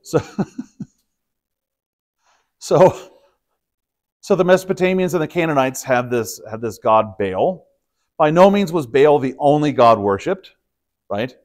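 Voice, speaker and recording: A man's voice: a little high, lively intonation, slow, long pauses, a little mellow. A man, a pastor, leading an informal Bible study, explaining in a conversational way with frequent fillers and restarts. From Texas. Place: church study room.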